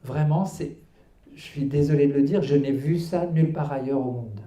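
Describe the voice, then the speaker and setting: A man in his fifties answers questions at a public book presentation, hesitating often and restarting his phrases before pressing his point with conviction. His voice is very dark and mellow, and it rings through a roomy hall. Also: mid-range voice, moderate pace. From Algeria, raised in Paris. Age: 50s. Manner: hesitant, many fillers and restarts, earnest. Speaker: author and guest. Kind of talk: public book talk interview. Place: cultural centre hall.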